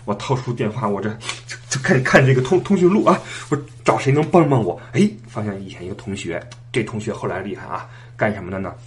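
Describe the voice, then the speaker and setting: A man's voice: on the low side, fast talker, few pauses, slight background noise. A man telling a rambling, self-mocking comic monologue, full of stammered restarts. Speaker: comic storyteller.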